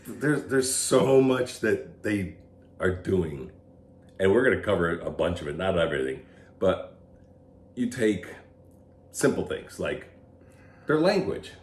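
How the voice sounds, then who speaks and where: Deep-voiced, blunt man with roomy echo. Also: very animated, slow, long pauses, a little mellow. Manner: blunt, opinionated, chuckles often. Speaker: podcast co-host. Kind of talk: casual political chat. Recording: roomy echo, faint background hum.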